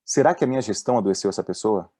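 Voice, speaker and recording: A man with a Brazilian accent, a doctor giving a talk on mental health at work, telling lively stories and voicing the people in them. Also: lowish voice, racing, no echo, clean studio sound. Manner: lively storyteller, voices the people in his stories. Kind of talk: presentation with acted-out anecdotes.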